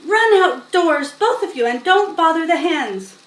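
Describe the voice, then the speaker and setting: A woman voicing a brisk, no-nonsense farm aunt in a storybook, commanding in manner. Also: very high-pitched, animated, reverberant, recorded from a distance, voice pushed up. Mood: scolding. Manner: scolding, commanding.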